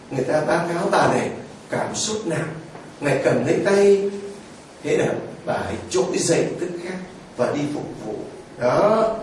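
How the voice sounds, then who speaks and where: A man's voice: fairly high pitch, a little mellow, slight background noise. A man preaching a sermon as a priest, telling the story with exclamations and vivid storytelling. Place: church. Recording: echoey church heard from far off.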